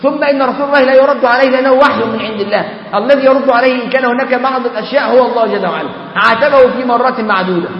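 High-voiced Egyptian preacher in echoing mosque. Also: male voice, very fast, few pauses. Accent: Egyptian Arabic. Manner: animated, rhetorical questions, colloquial asides. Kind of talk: colloquial mosque sermon. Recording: echoey hall, dull lo-fi sound.

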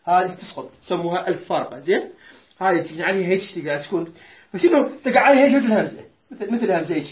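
High-voiced man teaching recitation, echoey room. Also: expressive, very fast. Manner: explains patiently, asks his students rhetorical questions. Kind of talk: tajweed lesson with recited verses. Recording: echoey room, dull lo-fi sound.

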